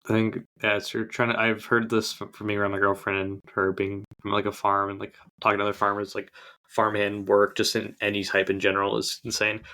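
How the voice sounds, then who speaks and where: A man's voice: lowish voice, completely flat delivery, brisk, sharp tone. A young man co-hosting a casual podcast chat, rambling along with lots of "like" fillers. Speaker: podcast co-host.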